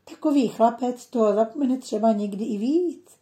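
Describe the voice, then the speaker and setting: Kindly old grandpa for a children's storybook, read by a woman, gentle and mellow. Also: on the high side, reverberant, voice pushed up, natural voice. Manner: gentle, teaching tone.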